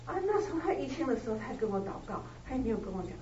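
A woman student sharing a personal story in class, halting and soft-spoken. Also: on the high side, sing-song. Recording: roomy, distant, lo-fi with noise.

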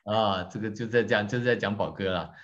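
Church class teacher, man, lowish voice, lively and self-mocking, dull lo-fi recording. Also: fairly quick. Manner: lively, questions the audience, tells jokes on himself. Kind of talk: interactive teaching talk.

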